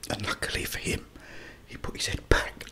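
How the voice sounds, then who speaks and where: A middle-aged British man hosts ASMR, whispering rambling, unhurried anecdotes between bites of food.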